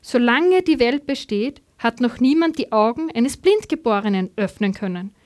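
A woman reading the lines of a healed blind man who speaks plainly and insistently, with a rise in pitch on his questions. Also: animated, normal speed, a little mellow, natural voice.

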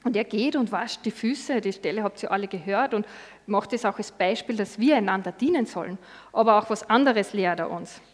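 A woman's voice: medium pitch, fairly quick, in a large hall. A woman preaching a sermon in an earnest, personal way. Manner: earnest, personal, acts out quoted words.

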